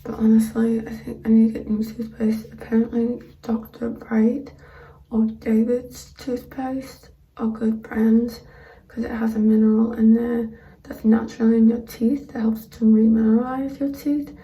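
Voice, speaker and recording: A woman talking casually to camera in a vlog, explaining things in a halting way with pauses mid-sentence. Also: a little high, flat delivery, mellow. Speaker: vlogger. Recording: roomy echo, distant microphone.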